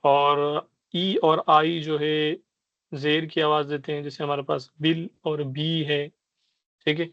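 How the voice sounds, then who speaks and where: A man teaching a beginners' Arabic class, explaining patiently and sounding out letters and vowels slowly. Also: a little high, flat delivery, no echo, highs cut off. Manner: patient explaining, repeats "ٹھیک ہے" to check understanding. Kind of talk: online language lesson.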